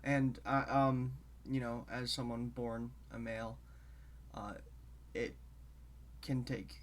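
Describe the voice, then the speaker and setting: A man hosting his own show in casual solo talk, rambling and halting as he drifts between topics, a bit congested. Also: mid-range voice, little pitch movement, slight background noise. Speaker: show host.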